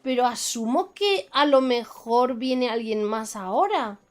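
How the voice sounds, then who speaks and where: A woman's voice: fairly high pitch, lively intonation, moderate pace. A woman giving chatty, playful live commentary as a game streamer. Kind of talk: casual live gameplay commentary.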